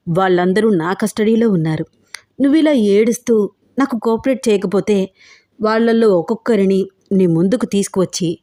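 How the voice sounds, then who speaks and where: A woman voicing a possessive, menacing male gangster who talks in a smooth, wheedling way. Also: medium pitch, warm tone, close to an everyday voice. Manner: smooth, wheedling then threatening.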